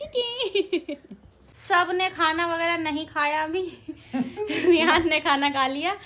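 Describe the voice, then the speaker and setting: A woman's voice: extremely high pitch, takes it slowly, pushed and bright. A woman hosting a casual family vlog, chatty and teasing, talking straight to her viewers while filming on a handheld phone. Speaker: family vlogger.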